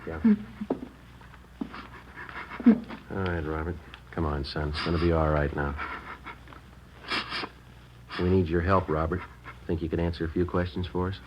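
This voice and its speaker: An actor playing a terse, calm police detective sergeant in a 1950s radio crime drama, clipped and matter-of-fact with an American accent. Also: male voice, sits low, measured pace, long pauses. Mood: gently reassuring. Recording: dull, noisy vintage radio recording.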